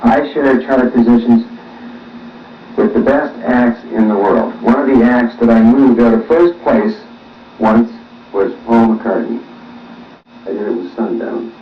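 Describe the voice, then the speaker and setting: A man, a musician, answering interview questions with many pauses and fillers, heard on old worn tape. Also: mid-range voice. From Canada. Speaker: musician guest. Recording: echoey, distant, dull old tape with faint hiss.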